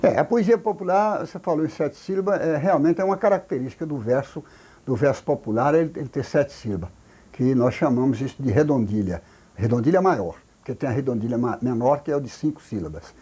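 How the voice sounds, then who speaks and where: An older man from Brazil with a Brazilian Portuguese accent, a folklorist explaining things slowly in an interview, halting with many repeated words and restarts. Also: mid-range voice, animated, warm tone, husky. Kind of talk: recorded oral history interview.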